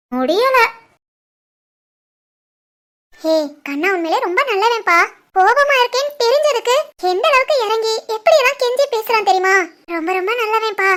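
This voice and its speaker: Cartoon college girl, southern Tamil Nadu dialect, very high squeaky voice, playful and teasing, as a voice artist does her. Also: bright, forceful tone. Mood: gushing. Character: cheerful teasing young woman, college student in love. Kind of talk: cartoon voice acting.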